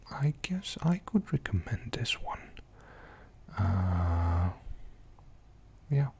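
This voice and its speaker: A young man talks in a soft ASMR whisper, rambling with frequent fillers. What voice there is sits low and gravelly. Much of it is pure breath. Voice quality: mostly unvoiced whisper. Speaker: ASMR video host. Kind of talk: whispered ASMR game show-and-tell.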